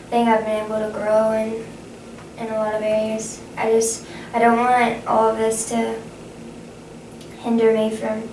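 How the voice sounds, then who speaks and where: A young adult woman speaking haltingly, often restarting phrases, in a conversational counseling role-play as the client. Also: on the high side. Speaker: student playing a counseling client. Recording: echoey, distant, noisy room recording.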